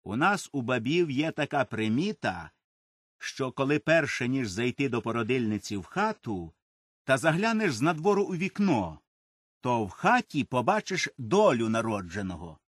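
A man voicing an old village midwife who speaks calm and secretive in a storybook reading. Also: medium pitch, moderate pace, dry recording, clean studio sound. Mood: mysterious.

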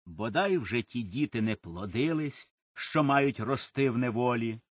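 A man voicing a weak, suffering peasant mother in childbirth who speaks low and faint in a storybook reading. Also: expressive, unhurried, husky, no echo. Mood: weak, bitter.

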